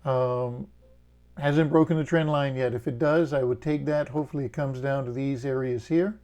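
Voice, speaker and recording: In a casual screen-share, a middle-aged Bahamian options trading channel host goes over his trades and his rules. He speaks with a Bahamian accent at medium pitch and normal speed, plain and steady, peppered with fillers and folksy jokes.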